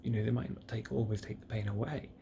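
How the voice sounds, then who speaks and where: After surgery, a drowsy man speaks flatly and quietly, halting and trailing off between short phrases in a lowish voice with vocal fry. He's a patient vlogger rambling through a solo health-diary entry, alone indoors in a private hospital room. He films himself on a device with a screen, with noisy room ambience around him.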